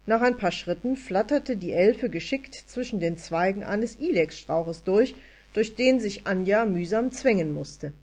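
A woman narrating a story aloud in a lively, expressive reading style. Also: mid-range voice, unhurried. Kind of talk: audiobook storytelling.

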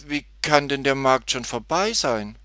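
A man's voice: medium pitch, animated, a little slow, bright, forceful tone, no room sound, clean studio sound, voice pushed up. A man voicing an eager, chirpy little girl in a storybook reading. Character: cheerful little girl Tutti.

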